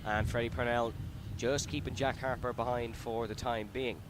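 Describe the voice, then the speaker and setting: Amid loud kart engines and outdoor track noise, a man provides running motorsport commentary that climbs with the action on the circuit. His mid-range voice has a flat delivery at a moderate pace.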